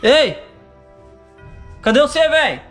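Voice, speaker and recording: A Brazilian man with a fairly high voice narrates a scary vlog outdoors at night, nervous and calling out to his viewers. His talk is worried and keeps reaching for his friend. Faint music plays behind him. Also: big pitch swings, takes it slowly, a bit bright. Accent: Brazilian Portuguese. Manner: anxious, calling out and talking to viewers. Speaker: YouTuber. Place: outdoors at a country house at night.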